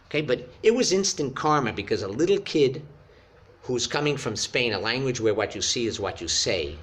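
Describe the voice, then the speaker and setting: A man's voice: medium pitch, a bit bright. A middle-aged man, an English teacher, telling a classroom story in a casual monologue, emphatic and opinionated. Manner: opinionated, emphatic, acts out quoted dialogue.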